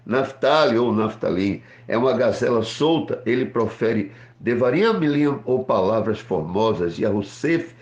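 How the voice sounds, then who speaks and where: A man teaching scripture as a rabbi, speaking slowly at a middling pitch. He explains patiently, spelling out letters and checking in with his listeners. The recording carries a roomy echo. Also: lively intonation, a little mellow, lo-fi sound.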